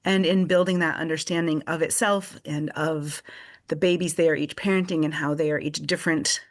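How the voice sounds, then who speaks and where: A woman with a low-pitched voice talks through her ideas in a relaxed, explanatory way. She pauses, restarts and hunts for words as she goes. She sounds like a panel guest speaking over a video call. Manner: thoughtful, explanatory, with fillers and restarts. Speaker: article contributor. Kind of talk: conversational panel discussion.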